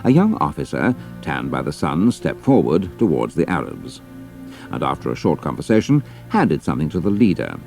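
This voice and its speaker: A man narrating an adventure story in a measured, dramatic storytelling manner. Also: extremely low pitch, big pitch swings, creaky, a little mellow, soft background music. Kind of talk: scripted audiobook narration.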